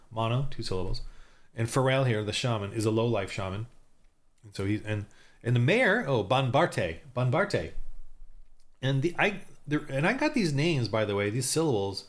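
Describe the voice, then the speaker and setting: A man acting as game master, talking casually through his tabletop game prep, rambling with lots of restarts and fillers. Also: fairly low pitch.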